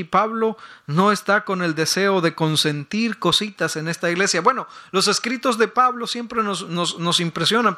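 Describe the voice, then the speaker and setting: Emphatic preaching man, high bright voice. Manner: emphatic, rises to loud peaks and repeats words. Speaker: pastor. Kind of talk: sermon.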